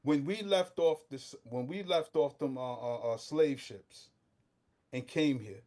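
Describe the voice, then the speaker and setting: A man's voice: mid-range voice, a little slow. A middle-aged man from Brooklyn, a podcast guest talking in street slang, heated and fervent. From Brooklyn, New York. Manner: impassioned, street slang, rising to near-shouting. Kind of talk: casual podcast discussion.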